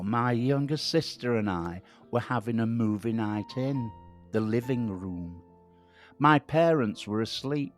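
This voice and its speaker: A man co-hosting a comedy podcast, reading a spooky story in a lowered, mocking voice. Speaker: co-host.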